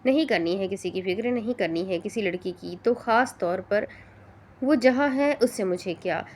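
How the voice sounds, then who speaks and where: A woman voicing a gruff hot-tempered young man. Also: medium pitch, natural voice. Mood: anxious. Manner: stern and clipped, softening when she cries.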